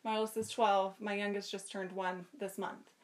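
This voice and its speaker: A woman talking casually and informally as a podcast guest, telling things in an animated way. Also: mid-range voice, moderate pace, rough recording. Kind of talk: casual chat.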